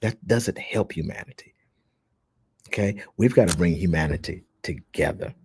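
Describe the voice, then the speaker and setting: A man's voice: low voice, normal speed, darkish tone, slight background noise. A man talking to his followers in a casual, emphatic monologue, with plenty of fillers. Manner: emphatic, indignant, with frequent fillers. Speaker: social media host.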